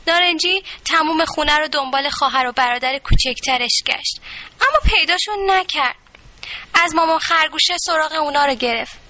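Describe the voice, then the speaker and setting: A woman narrating a children's story in an expressive read-aloud manner. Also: high-pitched, no echo.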